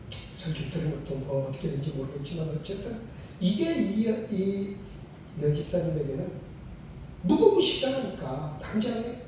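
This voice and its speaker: Older pastor preaching in a booming hall. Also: male voice, noisy background. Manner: emphatic storytelling with repeated phrases. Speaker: retired senior pastor. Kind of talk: sermon. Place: church sanctuary. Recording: very echoey sanctuary, mic far off.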